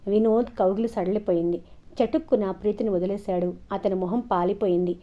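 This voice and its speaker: A woman storyteller narrating an audio novel in an expressive, steady way, in a dull lo-fi recording. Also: medium pitch, brisk.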